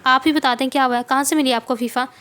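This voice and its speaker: A woman's voice: sits high, fairly even intonation, racing, fairly bright tone. A woman voicing a kind female friend who comforts a grieving mother and promises help. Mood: concerned. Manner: comforting, concerned. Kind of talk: novel reading.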